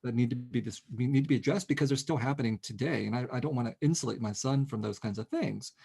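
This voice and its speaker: A middle-aged man speaks quickly and in bursts, often restarting his sentences as he goes. He is an author in a relaxed conversation, heard over a video call. His pitch sits in an ordinary middle range. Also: creaky, husky. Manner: animated, quick, with many restarts. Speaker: author guest. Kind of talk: casual conversation.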